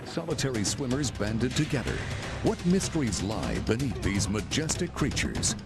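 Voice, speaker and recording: A man's voice: medium pitch, very animated, normal speed, creaky, loud music behind the voice. A man reading a scripted, dramatic, teasing promo narration for a nature documentary. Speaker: promo announcer.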